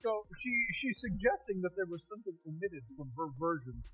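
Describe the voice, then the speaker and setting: A man chats casually in an interview, haltingly repeating his words. His voice is fairly high and a bit husky, heard through thin phone-like audio with faint music. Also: big pitch swings, a bit bright.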